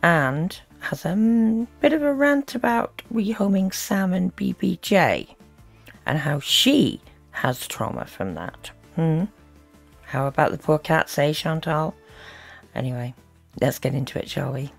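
A woman's voice: sits low, animated, unhurried, gravelly, soft background music. A woman giving critical reaction commentary as host, disapproving and full of sarcastic asides.

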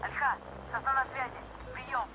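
An actor voicing a young boy, the colonel's son, who answers over a field radio in crisp, dutiful radio procedure. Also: extremely high pitch, fairly even intonation, normal speed. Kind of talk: video game dialogue. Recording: distant radio voice with background noise.

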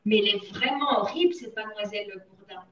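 A woman reading a children's novel aloud and talking to children in a lively storytelling manner. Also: medium pitch, fast talker, distant mic. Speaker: reader. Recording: echoey room, off-mic.

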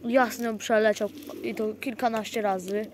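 A man's voice: sits high, steady tone, normal speed. A man keeping pigeons, talking casually to his viewers outdoors by the loft in a rambling way with many fillers and restarts. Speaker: pigeon keeper. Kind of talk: casual vlog narration to viewers. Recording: outdoor noise with cooing pigeons. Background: pigeons cooing.

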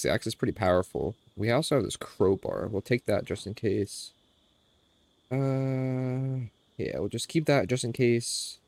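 This young male streamer has a lowish, nasal voice with vocal fry. Wearing a headset in a room at home, he gives relaxed, casual commentary on his game and calls his viewers "boys."

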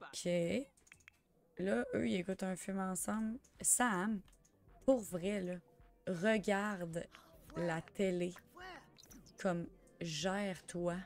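A young woman with a Quebec French accent chatting through a life-sim game, excitable and sprinkling in English slang. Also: medium pitch, takes it slowly, long pauses. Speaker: gamer. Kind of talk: let's play commentary.

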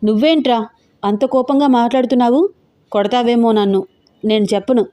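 A shy young woman who pouts and hesitates before she speaks, voiced by a woman narrator. Her voice is warm and mellow, pitched a little high. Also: fairly quick, lightly acted. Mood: hesitant. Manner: hesitant, pouting. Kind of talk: audio story character voicing.

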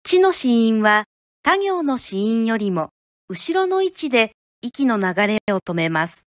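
A woman from Japan teaching pronunciation, speaking clearly and deliberately and modeling each syllable one at a time. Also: on the high side, very animated, dry recording, studio quality. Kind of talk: slow, careful teaching of pronunciation.

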